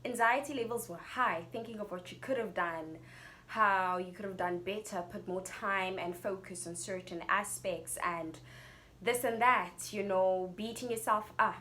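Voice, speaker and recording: A young adult woman with a South African accent tells a personal story in a casual, chatty, expressive vlog style. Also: medium pitch, unhurried. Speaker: YouTuber telling a personal story.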